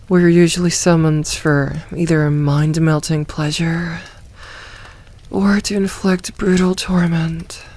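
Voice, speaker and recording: A woman plays a possessive, teasing succubus demoness in a soft ASMR roleplay, coaxing and soothing with some breathy moments. Her voice is low-pitched and the performance heavily acted.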